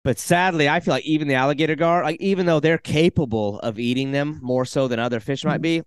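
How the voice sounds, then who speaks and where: A man's voice: on the high side, fast talker, clean tone, no echo. A man hosting a podcast, talking earnestly and with enthusiasm, using a lot of filler words. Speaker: podcast host. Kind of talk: casual chat.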